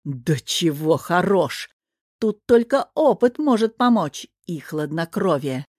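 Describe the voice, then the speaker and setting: Storybook figure: a woman playing a composed, mocking older governor, low and dry. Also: slow pace, dry recording, full character voice. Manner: calm, sarcastic.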